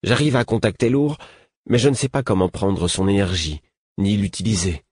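A man voicing an eager, impatient young prince in a lively, excitable voice. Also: sits low, moderate pace, slightly rough, no echo, studio quality, full character voice. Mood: frustrated.

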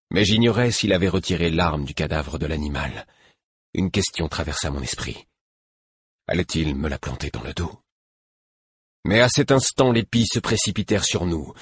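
A man narrating a first-person adventure audiobook in a measured, gravely intense reading voice. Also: low-pitched, dry recording, studio quality.

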